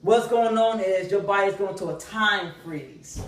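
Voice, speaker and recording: A man voicing Jesus as a laid-back adult man, drawling in relaxed slang. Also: high-pitched, unhurried, roomy sound, far from the mic, rough recording.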